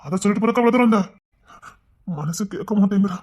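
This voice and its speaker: A man's voice: sits high, lively intonation, fast, darkish tone. A man voicing an anxious, doting father in an audio love story, confiding his worry plaintively. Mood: worried.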